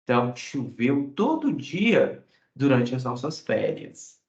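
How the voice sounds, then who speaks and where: A Brazilian man with a Brazilian Portuguese accent walks through a grammar lesson and keeps checking in with his students. He acts out little dialogues, saying the English lines slowly. His voice sounds roomy and a little muffled. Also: medium pitch, very animated, a little mellow. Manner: explains step by step, often checking with "né?" and "ok?"; acts out short example dialogues, reading English phrases slowly. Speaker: English teacher.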